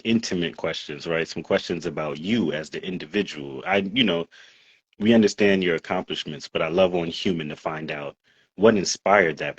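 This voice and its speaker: Deep, husky male host, friendly and upbeat, sometimes using uh and um. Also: dull audio. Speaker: interview host. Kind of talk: casual interview.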